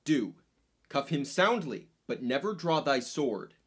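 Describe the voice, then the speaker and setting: A man's voice: mid-range voice, big pitch swings, measured pace, fairly bright tone, slightly rough, full character voice. A man playing a rowdy, boisterous knight in a stage play, teasing and blustering. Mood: scheming.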